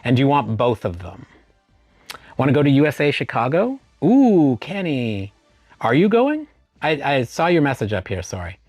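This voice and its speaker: A man's voice: mid-range voice, wildly swooping pitch, moderate pace, a little mellow, dry recording, soft background music. A man hosting a casual live stream, greeting viewers by name and spelling out chat commands.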